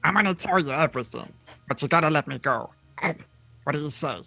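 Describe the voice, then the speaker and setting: Game master playing a cheeky, gravelly goblin captive. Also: medium pitch, animated, brisk, pushed and bright, voice pushed up, exaggerated voice. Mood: cheeky bargaining. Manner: defiant, bargaining. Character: cheeky, defiant, foul-mouthed female goblin captive.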